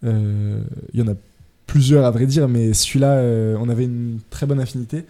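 Young man, dark mellow voice, hesitant. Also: medium pitch, moderate pace. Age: young adult. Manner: hesitant, many fillers, lively storytelling. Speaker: music producer guest. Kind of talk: casual radio interview.

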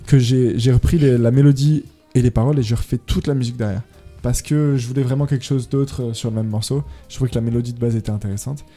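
A young man with a deeply dark, mellow voice tells his story hesitantly, stopping often on fillers. Faint music plays behind him. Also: fairly even intonation, fast talker. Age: young adult. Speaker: music producer guest. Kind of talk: casual radio interview.

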